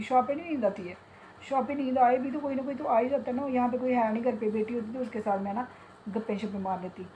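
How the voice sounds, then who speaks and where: A woman's voice: on the high side, warm tone, a little hiss or hum. A middle-aged woman chatting casually to her phone camera at home, rambling about her day and talking to her pet. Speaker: vlogger. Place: home kitchen and bedroom. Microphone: phone in hand.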